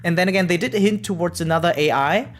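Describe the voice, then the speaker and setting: Speaking fast in a medium-pitched voice, a game streamer keeps up a casual chat with viewers. He is excitable and sweary, reacting aloud and reading pieces of the game's text.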